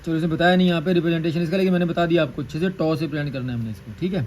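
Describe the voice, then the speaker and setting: A man teaching an engineering lecture, repeating key terms and dictating formulas slowly. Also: fairly high pitch, a little mellow, a little hiss or hum, poor audio.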